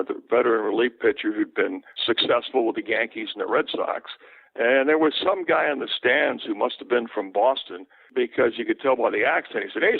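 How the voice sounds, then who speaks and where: An older male sportscaster recounts stories in a relaxed, anecdotal way. His voice is gravelly, and it comes through a tinny, phone-like line with a dry sound. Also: mid-range voice, dry recording. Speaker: sportscaster guest. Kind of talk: storytelling interview.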